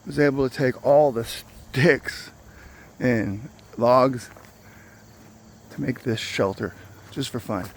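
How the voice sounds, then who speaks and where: Guy showing his land, plain rambly talk, medium pitch, outdoor noise and bugs behind him. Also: slow pace, long pauses. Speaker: property owner giving a tour. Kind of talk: casual property tour narration. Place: outdoors on wooded rural land. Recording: clear outdoor background noise, insects.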